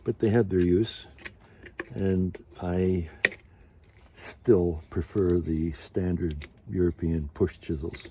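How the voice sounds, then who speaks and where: Low-voiced older man, unhurried and informal. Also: background noise. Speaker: ventriloquist and puppet carver. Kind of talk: informal demonstration vlog. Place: outdoor canopy tent used as carving workshop.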